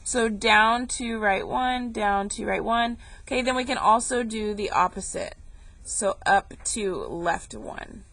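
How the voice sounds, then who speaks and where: A woman's voice: medium pitch, slow, a bit bright, low-quality recording. A young woman teaching a math class, chatty and joking, calling her students y'all. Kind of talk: recorded classroom lesson.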